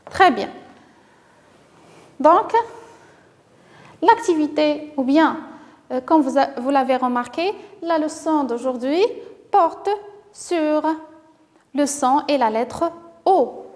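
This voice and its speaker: A woman teaching a reading lesson to young children, speaking slowly and drawing words out to model their sounds, with frequent praise. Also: sits high, a little mellow, big-room sound. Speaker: primary school teacher.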